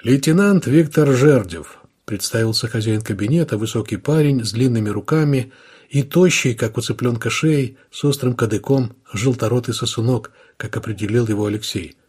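A man reading a crime novel as an audiobook in steady scripted narration. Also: medium pitch, brisk, husky.

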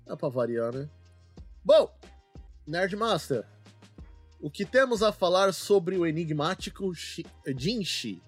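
High-voiced Brazilian man hosting a podcast. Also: big pitch swings, takes it slowly, long pauses, slightly rough, faint music behind. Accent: Brazilian Portuguese. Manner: laid-back, slangy, steers the discussion. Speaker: podcast host. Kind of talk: casual chat.

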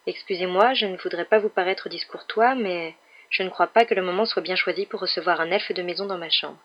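A woman voicing a polite, hesitant young wizard boy in an audiobook, keeping close to her own low voice. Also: brisk, highs cut off, natural voice. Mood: uneasy. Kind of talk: audiobook character voice.

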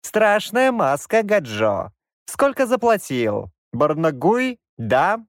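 A man voicing a grim, mocking middle-aged Roma man who talks calmly and with menace. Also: on the high side, slow pace, dry recording, voice pushed up, exaggerated voice. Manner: mocking, calm, drawn out.

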